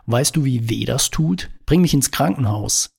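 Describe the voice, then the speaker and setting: A man reading the lines of an exasperated, shouting woman in a spoken story, in his own gravelly, husky voice. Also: medium pitch, animated, normal speed. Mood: angry. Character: furious woman with a botched injury.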